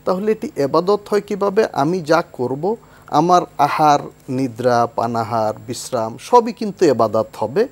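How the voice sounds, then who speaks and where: A man's voice: a little high, lively intonation, unhurried. A man from Bangladesh, a guest scholar, explaining religious ideas in a thoughtful way and reciting Arabic phrases.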